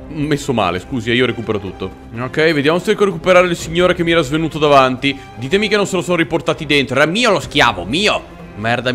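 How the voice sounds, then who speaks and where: A man giving let's play commentary, excitable, swearing and yelling when startled, and addressing game characters with mock politeness. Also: on the high side. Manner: excitable, swearing, shouting in sudden frights. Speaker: gameplay commentator.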